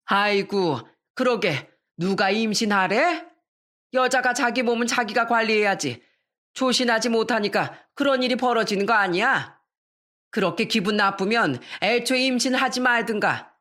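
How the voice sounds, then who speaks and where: A woman's voice: a little high, moderate pace, a bit bright, pitched above the performer's own voice, natural voice. A woman voicing a scornful older mother-in-law who talks with contempt and mockery. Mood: mocking. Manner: contemptuous, mocking.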